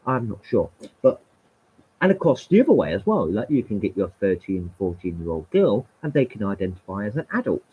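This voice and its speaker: A man's voice: fairly low pitch, big pitch swings, fairly quick, breathy edge, lo-fi sound. A man hosting a live stream and ranting in a heated, emphatic, sweary monologue.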